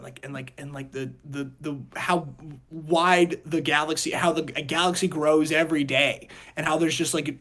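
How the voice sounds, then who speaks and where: Fairly high-pitched and a bit bright, this man co-hosts a podcast and offers rambling, opinionated takes on movies and games. He hedges constantly, dropping "like" again and again.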